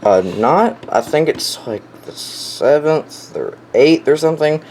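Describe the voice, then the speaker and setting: A young weather radio collector, slightly high-voiced and a little mellow, takes his time showing off his collection with lively intonation. It's casual, unscripted and enthusiastic, on a noticeably noisy home recording.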